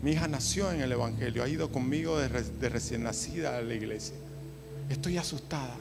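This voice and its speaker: A man preaching a sermon, moving from hushed storytelling to loud impassioned preaching. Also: medium pitch, quick pace, vocal fry, loud music behind the voice. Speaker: pastor.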